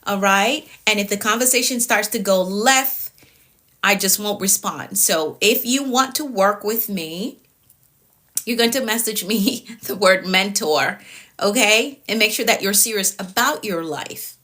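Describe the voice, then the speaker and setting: A woman's voice: mid-range voice, unhurried, sharp tone. A woman in her late thirties, a productivity coach on a live stream, talking firmly and repeating herself, often ending lines with "okay?". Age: 30s. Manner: repetitive, firm, tags lines with okay.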